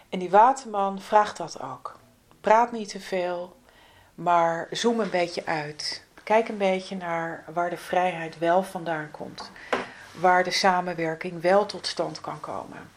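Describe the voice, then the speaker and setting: A woman giving a spiritual astrology forecast as a guide, gentle, unhurried and instructive, often dropping into a breathy near-whisper at the ends of phrases. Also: fairly low pitch.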